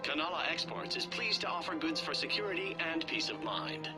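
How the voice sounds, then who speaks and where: A man voicing a shop announcer, giving a smooth, courteous store announcement for a video game. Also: fairly high pitch, a little fast, over loud music, natural voice.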